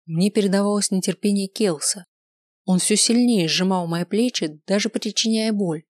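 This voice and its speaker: A woman narrating a first-person novel in an expressive, lively storytelling manner. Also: mid-range voice, moderate pace, no room sound, clean studio sound. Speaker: audiobook narrator.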